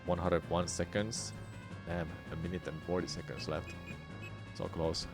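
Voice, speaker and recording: Male speedrunner streamer, low-pitched, offhand and half-distracted, music playing behind him. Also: level tone, measured pace. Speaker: speedrunner streaming live game attempts. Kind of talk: casual speedrun livestream chat.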